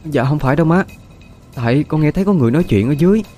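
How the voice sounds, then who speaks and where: A nervous young wife, as a male storyteller puts her on pleads and stammers. Her voice is pushed well up in pitch and swings a lot. Soft music plays faintly under this audio ghost story. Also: animated, rapid-fire. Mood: pleading. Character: timid anxious young woman, daughter-in-law.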